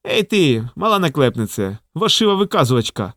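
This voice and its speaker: A man's voice: sits high, huge pitch swings, fast talker, no echo, studio quality, pitched above the performer's own voice. A man voicing a cunning male wolf in a storybook, with a silky, coaxing manner. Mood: snarling. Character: sly smooth-talking male wolf, cunning.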